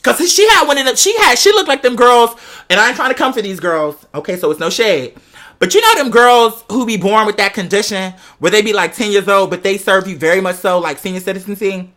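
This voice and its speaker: Speaking a bit fast in an expressive, slightly bright mid-range voice, a young adult American vlogger spills gossip to patrons. The storytelling is casual, sassy and full of slang, with emphatic repetition of phrases for effect.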